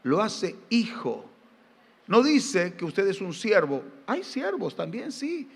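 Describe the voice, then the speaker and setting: A man's voice: high voice, sing-song, slow, vocal fry, husky. A middle-aged man with an Argentine accent preaching a sermon, firing rhetorical questions at the congregation and telling folksy family anecdotes. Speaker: pastor. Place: church sanctuary during a live service. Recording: reverberant church hall.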